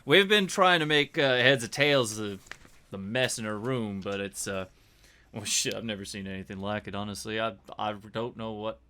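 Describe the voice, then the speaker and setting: Aussie guy doing a tired rattled city cop, loud, stumbles over his words, bright forceful voice. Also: on the low side, clean tone. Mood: weary. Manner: loud, halting and rattled, with many fillers. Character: weary middle-aged male big-city police detective.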